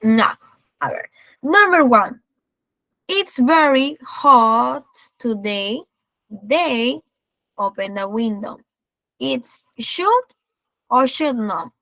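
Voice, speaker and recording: A woman with a gravelly, slightly high voice teaches English over a video call, with a dry sound and no room around her. She goes over each example in English, then repeats it in Spanish. She asks a check-in question after nearly every phrase. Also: animated, extremely slow, long pauses, pushed and bright, no echo. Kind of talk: online class explanation.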